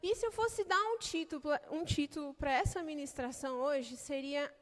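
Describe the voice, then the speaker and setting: A woman's voice: high voice, moderate pace, in a large hall. A young woman with a Brazilian Portuguese accent preaching a sermon in a chatty, conversational way, often adding tag questions. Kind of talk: sermon with opening prayer.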